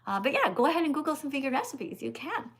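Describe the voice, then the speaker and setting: A woman's voice: high voice, sing-song, fast talker, a bit bright. An older woman hosting a livestream, talking with callers in an insistent, lecturing, teacherly way. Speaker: livestream host.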